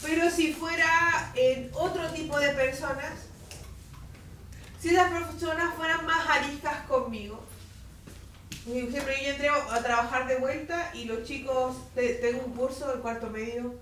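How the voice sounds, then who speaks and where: A Chilean woman teaching at a Bible institute, sharing a personal testimony in an informal, animated storytelling manner and acting out dialogue. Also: high voice, a little slow. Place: classroom. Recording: distant mic in an echoey room, faint hiss.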